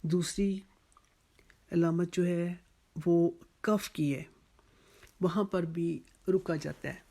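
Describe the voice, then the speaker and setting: A teacher giving a religious lesson, explaining the material in a measured way with frequent pauses. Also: medium pitch, steady tone, vocal fry, warm tone. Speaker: Quran teacher.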